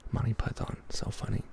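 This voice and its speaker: A man giving a soft, half-whispered ASMR pep talk in a breathy, gravelly voice, rambling along with gentle encouragement. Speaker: ASMR YouTuber.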